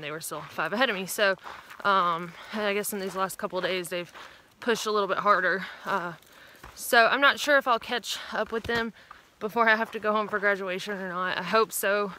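A woman's voice: mid-range voice, normal speed. Chatty woman vlogging on a trail. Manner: relaxed, chatty, with many fillers. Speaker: thru-hiker vlogger. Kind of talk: casual hiking vlog. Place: outdoors on a mountain trail. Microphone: phone held at arm's length. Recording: noisy outdoor phone recording.

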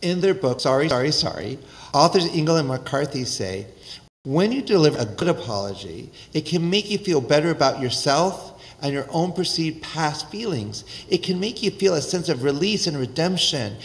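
An older man delivers a sermon from a synagogue pulpit, speaking into a podium microphone. His voice sits a bit higher than most men's, and he preaches with an animated, wry, gesturing energy that keeps the congregation engaged. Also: rough recording. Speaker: rabbi. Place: synagogue sanctuary, indoors.

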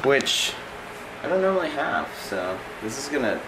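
A man's voice: medium pitch, sing-song, moderate pace, noisy background. A young man vlogging about his workouts in a chatty, upbeat way, swearing casually. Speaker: fitness vlogger. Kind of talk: casual vlog chat. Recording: loud music under the voice. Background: loud background music.

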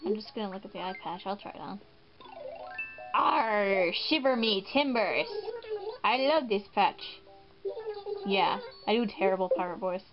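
A woman's voice: medium pitch, fairly quick. A woman hosting a gaming video in casual, rambling commentary, often poking fun at herself. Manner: chatty, rambling, self-mocking. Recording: muffled, with game music behind.

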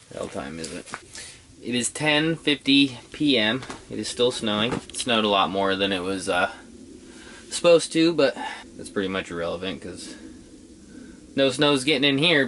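A young man chatting casually to camera in a laid-back, unhurried way, with some mild swearing, as an ice fishing vlogger. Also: medium pitch, bright, forceful tone, slight background noise. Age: young adult. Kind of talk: casual vlog chat. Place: small ice fishing shelter and outdoors on a frozen lake at night.

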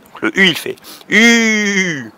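Slow, gravelly, bright-toned male teacher. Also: high voice, very animated, no room sound. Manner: patient, drawing out each letter sound. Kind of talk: phonics lesson for young children.

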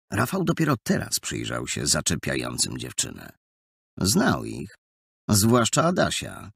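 A man narrating an audiobook in a lively, expressive storytelling manner, close to the mic. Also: lowish voice, creaky, breathy edge, dry recording. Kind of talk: scripted narration.

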